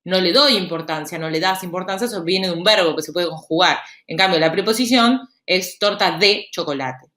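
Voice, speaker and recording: A woman, teaching a grammar lesson in a lively, explanatory way. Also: fairly low pitch, roomy sound. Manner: lively, explanatory, speeds up and slows down for emphasis. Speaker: Spanish teacher.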